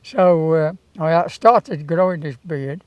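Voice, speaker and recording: An elderly man in his eighties telling anecdotes from memory in an interview, in an unhurried, rambling way with hesitations. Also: on the high side, dry recording, dull audio. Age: 80s. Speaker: town crier and former Tower of London yeoman warder. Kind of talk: reminiscing in interview, anecdotal storytelling.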